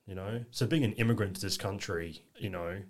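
This is a brisk, lowish male voice belonging to a man in his twenties from England. Guesting on a podcast, he talks in a relaxed, meandering way, leaning heavily on "you know" and other fillers during the casual interview.

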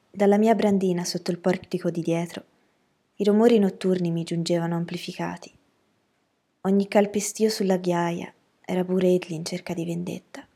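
A woman reading a novel aloud as an audiobook narrator, telling the story in an even, steady way. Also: on the low side, husky.

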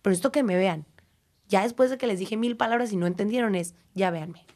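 A young woman with a Mexican accent talks about her craft as a dancer and teacher. She speaks in a reflective, animated way and slips into other people's words as she tells stories. The pitch sits in an ordinary middle range. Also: fast talker. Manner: reflective, animated, acts out quotes. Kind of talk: casual interview talk.

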